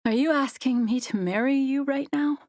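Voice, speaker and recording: A woman voicing a shy, excited young woman in love, asking eager questions. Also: high voice, normal speed, dry recording, clean studio sound, voice pushed up, natural voice.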